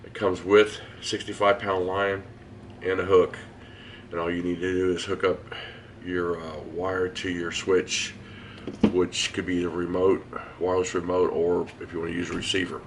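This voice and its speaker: A man with a head cold, sounding hoarse, hosting a casual hobby how-to and explaining each step in a relaxed, rambling way with lots of fillers. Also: deep voice, normal speed, background noise. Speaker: host of a hobby garage channel.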